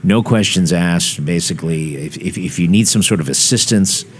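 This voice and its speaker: Man, very low voice, talk show host, relaxed, hesitant fillers, faint background hiss. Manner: relaxed, halting with many uh fillers.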